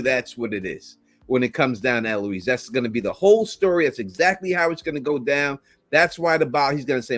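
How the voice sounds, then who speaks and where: Breaking down a trailer on a casual podcast, this male co-host insists on his theories, speaking emphatically and repetitively. His mid-range voice has a fairly bright tone, and the recording is dry.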